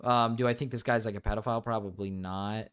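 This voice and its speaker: A man's voice: lowish voice, fairly even intonation, fairly bright tone, clean tone. Young man casually commenting on stream. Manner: halting, repeats himself.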